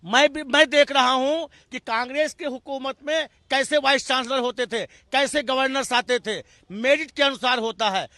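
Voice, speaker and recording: Impassioned male party spokesman, bright forceful voice, piling up rhetorical lists. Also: very high-pitched, fairly even intonation, normal speed, hardly any pauses, no room sound. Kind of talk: heated TV debate argument.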